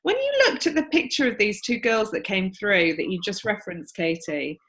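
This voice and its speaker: A woman gives a psychic reading. Her voice sits at a middle pitch and stays level. She talks earnestly and emotionally, restarting her sentences as she relays messages. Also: very animated, normal speed, fairly bright tone, rough recording. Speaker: psychic medium.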